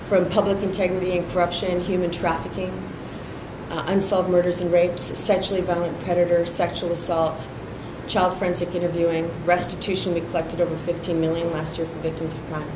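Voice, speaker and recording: In this endorsement interview, a district attorney candidate speaks steadily and brisk, her lowish voice delivered flatly and peppered with fillers. She is middle-aged, originally from Iran, and grew up in San Francisco. The sound is roomy and the background noisy.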